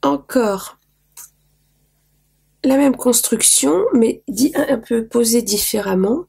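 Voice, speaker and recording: Speaking slowly in a gravelly, husky voice that sits on the high side but has a dark tone, a craft vlogger opens her mail. Though losing her voice, she chats casually with viewers and gushes over small details.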